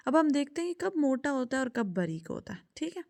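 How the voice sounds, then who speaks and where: A woman's voice: high-pitched, sing-song, vocal fry, a little mellow, no echo. A woman teaching children Quran recitation rules, patiently repeating sounds and asking questions that she then answers herself. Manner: asks checking questions and answers them herself. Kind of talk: tajweed lesson for children.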